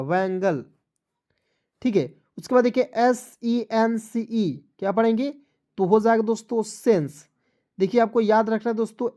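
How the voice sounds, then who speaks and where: Mellow-voiced man spelling words out slowly. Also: high-pitched. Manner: spells letters aloud, then asks and answers; repeats each word slowly. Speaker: online English teacher. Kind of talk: spelling-out language lesson.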